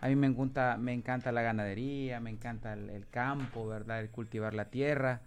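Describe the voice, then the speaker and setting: Man, 40s, Honduran accent, earnest, preachy about faith, average pitch, radio interview guest. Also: fairly even intonation, a little fast, a little hiss or hum. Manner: earnest, turns to fervent religious exhortation. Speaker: radio station engineer and guest.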